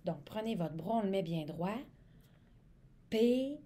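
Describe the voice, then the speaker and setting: An educational support worker, a woman with a lowish, warm voice and a brisk delivery, gives a demonstration lesson on reading aloud to young children. She stretches out her words as though talking to the kids themselves.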